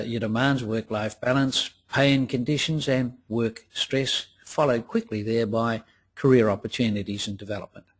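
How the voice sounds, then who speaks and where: A man presents a webinar as a lecturer. His voice is rough-edged and husky at an average male pitch. He is deliberate and restates phrases to stress them.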